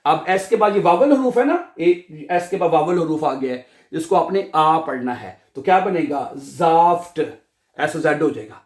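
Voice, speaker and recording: A man's voice: fairly high pitch, expressive, normal speed, hardly any pauses, roomy sound. A man with a Pakistani Urdu accent teaching a beginner language lesson, patiently repeating each sound and checking that students follow.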